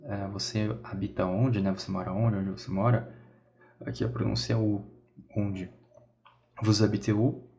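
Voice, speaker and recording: A man's voice: on the low side, little pitch movement, moderate pace, gravelly, pauses often, dark tone. A Brazilian man with a Brazilian Portuguese accent, teaching a beginner French lesson step by step and often checking in with his students. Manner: explains step by step, repeats phrases, checks in with "tá?". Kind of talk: bilingual language lesson. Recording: dull lo-fi audio.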